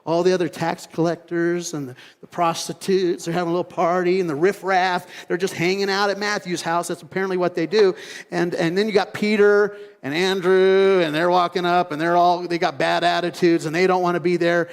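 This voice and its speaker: A man preaching a sermon as pastor, telling stories in an animated way and acting out other people's voices. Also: high-pitched, fairly quick, clean tone, big-room sound. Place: church sanctuary.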